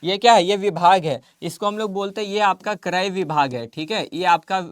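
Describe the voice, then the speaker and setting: A man's voice: sits high, normal speed, clear, resonant tone, no room sound, studio quality. Male teacher quizzing himself aloud. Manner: asks and answers his own questions in the students' place; mixes Hindi with English terms, repetitive and coaxing. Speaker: commerce teacher. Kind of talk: classroom lecture.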